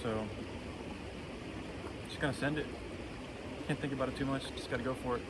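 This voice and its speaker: A man's voice: mid-range voice, fairly even intonation, a little fast. A man talking casually to his phone as a vlogger, with a laid-back, colloquial way of speaking. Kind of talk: casual vlog talk to camera. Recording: loud outdoor and vehicle noise.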